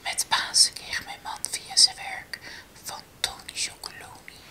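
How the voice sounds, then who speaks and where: A woman, whispering ASMR softly and close to the ear, often repeating single words. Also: a little slow. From Netherlands. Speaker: ASMR video creator. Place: small room at home, indoors.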